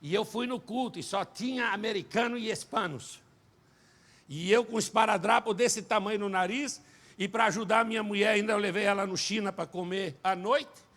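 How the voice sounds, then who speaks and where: A Brazilian man preaching a sermon at a church service, telling a personal testimony in an animated way and rising to shouts. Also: high voice, normal speed. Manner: animated storyteller, acts out quotes, shouts at climaxes. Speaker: pastor and singer.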